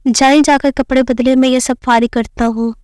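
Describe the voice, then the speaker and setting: A woman's voice: sits high, little pitch movement, moderate pace, a little mellow, dry recording, studio quality, natural voice. A woman reading the lines of a kind, teasing young husband in a playful, mock-formal way.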